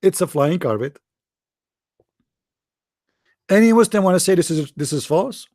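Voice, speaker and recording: A man's voice: high voice, expressive, brisk, darkish tone, dry recording. Sarcastic Arabic-accented man, dry close sound. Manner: sarcastic, mocking. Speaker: religious debater. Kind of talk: online debate talk.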